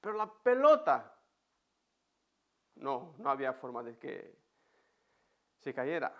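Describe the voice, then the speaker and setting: A man's voice: mid-range voice, very animated, slow. A man with an accent from Spain, preaching a sermon in an empty church and telling a personal story vividly. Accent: Spain Spanish. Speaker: pastor.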